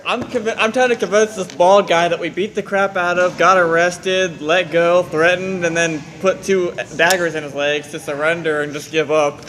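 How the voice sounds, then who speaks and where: A man's voice: high-pitched, steady tone, moderate pace, hardly any pauses, fairly bright tone. A man casually chatting as a player in a tabletop game, rambling, laughing and tripping over his words. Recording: noisy group in the room.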